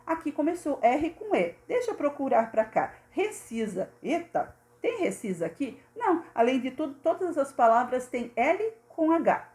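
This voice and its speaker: A Brazilian Portuguese-speaking woman teacher recording a lesson for young pupils, patiently guiding them and slowly sounding out syllables. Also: high-pitched, sing-song, darkish tone, reverberant. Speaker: primary school teacher.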